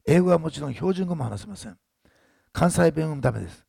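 A man's voice: fairly high pitch, lively intonation, brisk, creaky, dark tone, husky, dry recording, studio quality. A man in his sixties, a pastor telling a story in a sermon, chatty, often adding tag words. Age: 60s. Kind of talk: sermon testimony.

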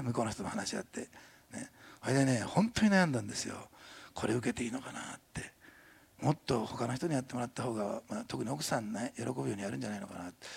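An older man preaching a sermon as a pastor, chatty and animated, often adding tag questions and laughing. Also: mid-range voice, vocal fry, breathy edge.

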